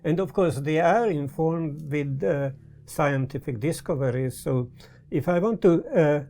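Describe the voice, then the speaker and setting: An older man with a Hungarian accent, talking in a thoughtful, halting way with many pauses, interviewed in a book-lined study on a lapel mic. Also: on the high side, creaky, dark tone. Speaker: guest. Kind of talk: casual conversation. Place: study lined with bookshelves, indoors.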